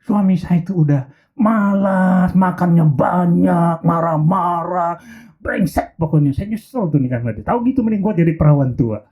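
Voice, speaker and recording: A man's voice: a little high, sing-song, quick pace, hardly any pauses. Guy putting on a whiny wife, dithering, sounds like over a phone line. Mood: complaining. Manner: whiny, hesitant, complaining. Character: married woman tempted by her ex.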